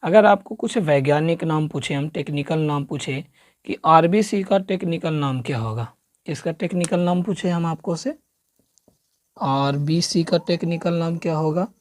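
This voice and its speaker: In this exam-prep classroom lecture, a man teaches science as a coaching teacher, asking questions again and again and drilling the answers. His pitch is fairly high and his speed normal, with no room sound.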